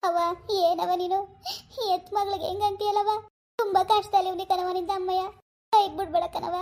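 A woman's voice: high-pitched, level tone, fast talker, dark tone, natural voice. A woman voicing Gowri, a timid pleading village daughter. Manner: nervous, pleading, tearful begging. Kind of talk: cartoon voice acting.

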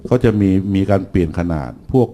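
A middle-aged man giving an engineering seminar lecture, relaxed and full of fillers, with dry jokes for the class. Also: fairly quick.

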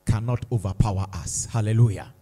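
A man preaching a sermon in a church, slow and emphatic, repeating lines for dramatic weight. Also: on the low side, mellow. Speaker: pastor.

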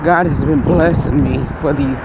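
The recording is very noisy as this twentysomething man vlogs on an outdoor street walk, talking into an earbud headset mic. His high-ish voice is steady with vocal fry at normal speed, and he rambles with frequent restarts.

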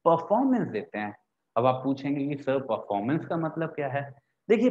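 A young Indian law teacher lectures to camera in Hindi mixed with English terms, going step by step, repeating points and answering his own questions. His voice is a little high and narrow. He's on a lapel mic in a small indoor room with a whiteboard, and the audio is tinny with slight background noise.

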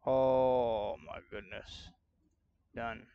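A man's voice: mid-range voice, steady tone, extremely slow, smooth, dull audio. A man streaming live, chatting casually with viewers, frustrated and thinking aloud while he sorts out technical trouble. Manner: frustrated, talks to chat while fixing tech trouble. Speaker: livestreamer. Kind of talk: casual livestream chat.

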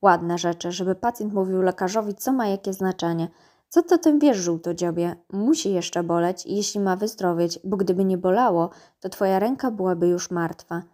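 A woman's voice: lowish voice, fairly even intonation, normal speed, few pauses, dark tone, lightly acted. A woman voicing a bossy, scolding old female gnome healer in a storybook reading. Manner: scolding, brusque.

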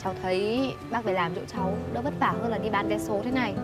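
An actress playing a kind young woman who owns a noodle shop, speaking gently and politely. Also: medium pitch, quick pace, close to an everyday voice. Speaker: actress in web drama. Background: music.

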